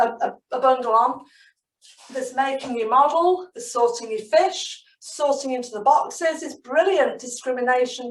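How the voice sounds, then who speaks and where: A woman who tells stories and gives teacher training, talking in an animated, sing-song way. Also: high voice. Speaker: storyteller and early-years trainer. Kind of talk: webinar storytelling and teaching. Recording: roomy sound from a distant mic.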